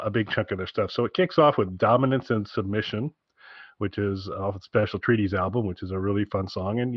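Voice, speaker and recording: A man with a lowish voice co-hosts a podcast, enthusiastically and casually rambling about albums he recommends, with a few wry asides. The recording is muffled and has no room sound.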